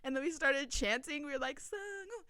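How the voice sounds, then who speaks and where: A young woman co-hosting a podcast in casual chat, a giggly, animated storyteller who acts out quotes. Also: high-pitched, brisk, no room sound. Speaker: podcast co-host.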